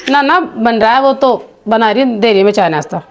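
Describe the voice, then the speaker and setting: A woman's voice: a little high, animated, fairly quick, noisy background. A woman playing a housewife in a comedy skit, defensively denying she said anything. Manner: defensive, protesting. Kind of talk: comic skit acting.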